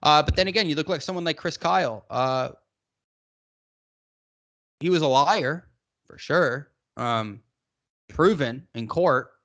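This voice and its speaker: A man's voice: a little high, a little slow, long pauses, fairly bright tone. A man in his late twenties from Massachusetts, co-hosting a podcast and giving rambling, emphatic opinions in casual discussion. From Massachusetts, United States. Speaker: podcast co-host.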